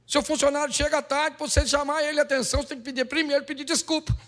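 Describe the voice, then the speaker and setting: A middle-aged man, a pastor, preaching a humorous sermon and acting out dialogue in quick, animated voices. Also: extremely high pitch.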